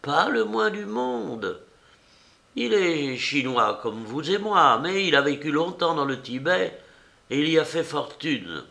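A man's voice: on the high side, big pitch swings, takes it slowly, creaky, pushed and bright, voice pushed up, exaggerated voice. A man voicing a garrulous, fussy old woman enameller who rambles on in a prim way. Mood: rambling. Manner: chatty, meandering, prim.

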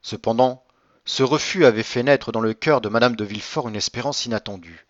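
Dry, measured male audiobook narrator. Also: medium pitch, dry recording. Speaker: audiobook reader. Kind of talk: scripted narration. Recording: dry, slightly dull recording.

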